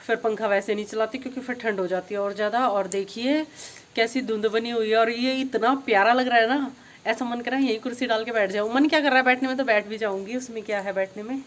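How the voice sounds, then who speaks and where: Middle-aged woman vlogger, slightly high voice, chatty storyteller on a phone mic. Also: quick pace. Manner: chatty storytelling, grows excited retelling events. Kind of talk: casual vlog chat.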